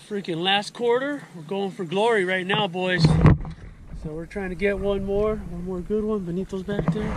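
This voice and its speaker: A man in his thirties hosting a casual fishing vlog from a bass boat on a lake, talking in an excitable, joking way into an action camera. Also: very noisy. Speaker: fishing vlogger.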